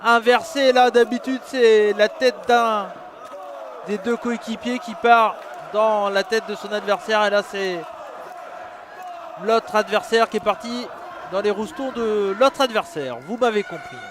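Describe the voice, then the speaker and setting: A man works as a wrestling commentator, calling the action live in a very high-pitched voice. He is excitable and exclaims often, yet his pace stays fairly unhurried. A crowd can be heard behind him. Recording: noisy live event with crowd. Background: crowd at a wrestling show.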